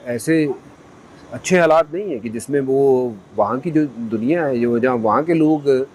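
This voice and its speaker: Calm hesitant man in a TV interview. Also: mid-range voice, a little slow, crowd noise. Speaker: former cricketer interviewed.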